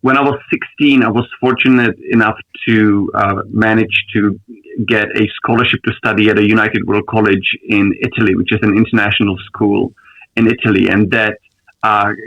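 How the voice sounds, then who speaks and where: A man from the Republic, a lawyer answering interview questions in a thoughtful, measured way with frequent ums. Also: on the low side, creaky, dry recording, muffled recording. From Czech Republic. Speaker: lawyer guest.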